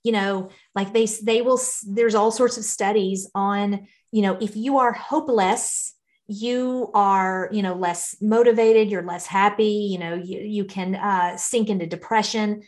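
A woman's voice: medium pitch, steady tone, a little slow, darkish tone. A woman talking conversationally as a podcast guest, in an earnest, encouraging way. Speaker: podcast guest, financial educator for parents. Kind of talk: conversational interview talk.

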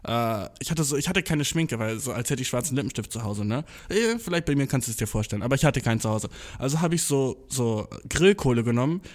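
Rattling off a story with hardly a pause, this young man talks fast in a mid-range voice. His casual monologue is slangy and heavy on swearing, sprinkled with English words, and he stumbles along in an excited, self-deprecating way.

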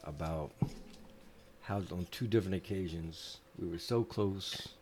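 A man's voice: low voice, unhurried, a little mellow, faint music behind. A man co-hosting a podcast, laid-back and teasing in casual chat. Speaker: podcast co-host.

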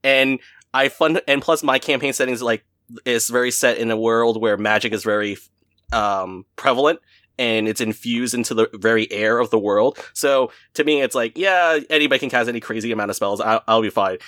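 A man's voice: medium pitch, brisk, fairly bright tone, no echo, studio quality. A man chatting casually as a guest game master, rambling with many restarts and frequent laughs. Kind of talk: casual podcast chat.

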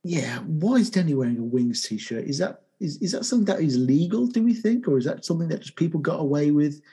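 English guy hosting a music podcast, jokey and excitable, mellow husky voice. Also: on the high side, fast talker. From England. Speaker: podcast host. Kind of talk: casual music podcast chat.

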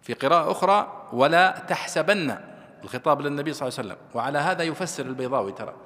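A man's voice: fairly high pitch, expressive. A man, a scholar explaining a classical commentary to students and stretching out the verses he quotes. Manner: measured, stretches quoted verses slowly and loudly. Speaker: Islamic scholar teaching tafsir. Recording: long reverb of a hall.

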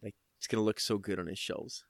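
A man's voice: on the low side, fairly even intonation, fast talker, dry recording, studio quality. A man co-hosting a podcast in casual, conversational talk. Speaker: podcast co-host. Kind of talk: casual chat.

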